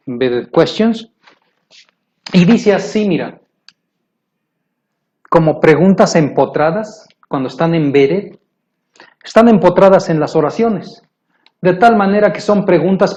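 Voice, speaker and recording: A man teaching English grammar to viewers, explaining patiently and repeating himself, slowing down to spell out the English example phrases. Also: fairly high pitch, darkish tone, lo-fi sound.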